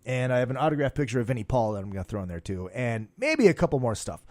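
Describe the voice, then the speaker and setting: A man's voice: mid-range voice, big pitch swings, quick pace, no room sound. A hungover man hosting a rock podcast in a studio, rambling through casual plugs in a brash, profane, slangy showman's way. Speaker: podcast host.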